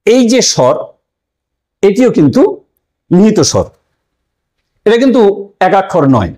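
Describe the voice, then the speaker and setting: A man teaching a language lesson in a high voice that keeps rising and falling with emphasis. He puts questions to his viewers, answers them himself and leans on the key terms. His tone stays explanatory and friendly throughout. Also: wildly swooping pitch, measured pace, darkish tone. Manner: asks questions then answers them, stressing key words.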